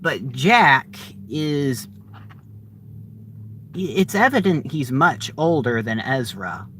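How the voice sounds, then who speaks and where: Slow, halting young-sounding male reviewer. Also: medium pitch, sing-song, a bit bright, a little hiss or hum. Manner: halting, searching for words, many fillers. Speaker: TV series reviewer. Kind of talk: casual spoken review.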